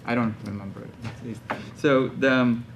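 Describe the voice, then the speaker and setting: A man's voice: mid-range voice, fairly even intonation, moderate pace, creaky, noisy background. A young man from Norway, an audience member, speaking hesitantly and searching for words. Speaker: audience member asking a question.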